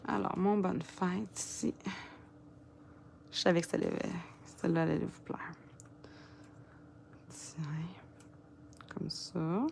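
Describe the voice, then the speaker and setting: Chatty Québécoise woman with a gravelly voice. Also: on the low side, fairly even intonation, slow, pauses often, darkish tone, whispered. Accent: Quebec French. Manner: chatty, muttering to herself while she works. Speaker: papercraft demonstrator. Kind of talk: casual crafting tutorial.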